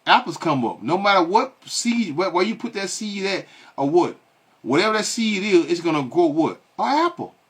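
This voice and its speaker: A man's voice: high-pitched, expressive, normal speed, a bit bright, breathy edge. A man giving blunt, scolding commentary on video clips, who keeps asking rhetorical questions and repeats himself. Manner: blunt and scolding, with many stalling fillers. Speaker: online religious commentator.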